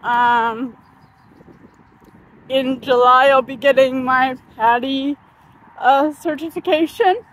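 A woman's voice: sits high, fairly even intonation, slow, pauses often, poor audio. A woman in her thirties chatting casually while walking outdoors in a sunny park, filming on a phone at arm's length, rambling with many ums and uhs and fighting hiccups. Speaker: vlogger. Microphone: phone held at arm's length.

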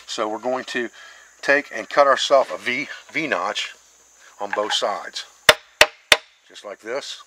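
A man's voice: lowish voice, slow pace, pauses often, heavy background noise. A middle-aged man teaching bushcraft outdoors, explaining step by step as he carves a stick. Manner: plain, step-by-step explaining while carving. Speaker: bushcraft instructor. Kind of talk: hands-on outdoor demonstration. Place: outdoors, working on a wooden board.

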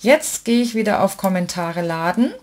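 A woman's voice: mid-range voice, lively intonation, moderate pace, background noise. A woman hosting a casual giveaway announcement, chatting step by step and addressing her viewers fondly. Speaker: craft channel host announcing giveaway winners. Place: indoors at a desk with a laptop.

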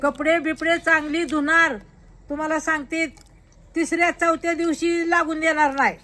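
A woman's voice: sits high, flat delivery, normal speed, bright, forceful tone. An older woman chatting casually, full of earthy old sayings. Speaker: village elder being interviewed. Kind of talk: casual chat.

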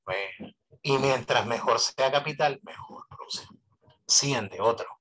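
A man's voice: medium pitch, measured pace, fairly bright tone, low-quality recording. A man teaching an online economics class, speaking through a voice amplifier, who keeps asking his students questions and repeating his points for emphasis. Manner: asks students constant rhetorical questions.

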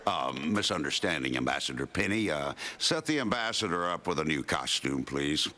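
An actor voicing a gruff, grumbling older agency boss in a cartoon, commanding and grumpy. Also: male voice, a bass voice, sing-song, normal speed, noisy background. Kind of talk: animated series voice acting.

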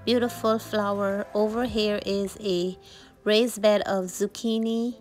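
A woman slowly walking through a backyard garden and admiring the plants. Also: medium pitch. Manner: slow, admiring. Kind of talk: casual garden tour. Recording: background music under the voice.

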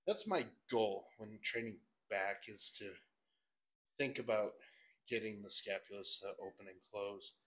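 Man, lowish voice, casual workout vlog talk from a garage gym, coaching himself. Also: a little slow, a bit bright. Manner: coaching himself, grunting through hard sets. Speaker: bodybuilder training in a gym.

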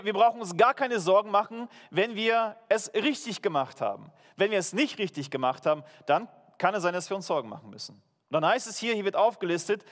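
A man preaching a sermon to his church in a lively, emphatic, informal way, with fillers and restarts. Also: high voice, long reverb tail. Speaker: pastor. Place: church hall.

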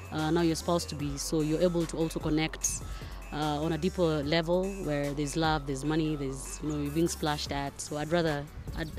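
A woman's voice: low-pitched, a little mellow. A young woman, a student answering a street interview outdoors into a handheld mic, thoughtful with many fillers. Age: young adult. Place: outdoors among plants.

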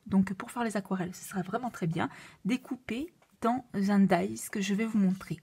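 A woman with a noticeable foreign accent, walking through a craft tutorial with many fillers and self-corrections, at times dropping to a soft whisper. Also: medium pitch, moderate pace, slightly rough. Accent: non-native French accent. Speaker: card-making demonstrator.

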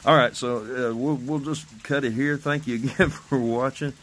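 A man's voice: medium pitch, normal speed. A man in his fifties chatting casually and rambling through a vlog, recorded on a phone on a covered porch outdoors. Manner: rambling, loosely organized. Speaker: vlogger. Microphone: phone at arm's length. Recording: outdoor phone recording with steady background noise.

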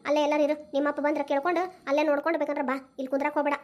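A woman's voice: sits high, little pitch movement, racing, highs cut off, natural voice. A woman voicing a stern, unforgiving old village mother in a cartoon, scolding with a North Karnataka accent. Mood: bitter. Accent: North Karnataka Kannada. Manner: scolding, lecturing. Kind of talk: cartoon voice acting.

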